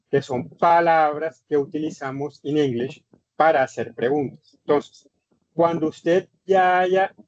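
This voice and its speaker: Speaking through a computer microphone, a man with a fairly high, darkish voice leads an online English class, emphatically repeating his instructions. The session audio is dull and lo-fi, without echo.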